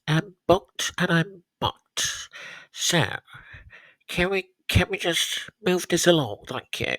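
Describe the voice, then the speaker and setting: A man voicing a pompous male body-language expert in disguise. His voice is altered, strange and nasal, and he talks in a halting, boastful way. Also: a little high, sharp tone, no room sound, voice pushed up, heavily acted. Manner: slow, halting, boastful, stumbles over words. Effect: disguised, electronically altered voice.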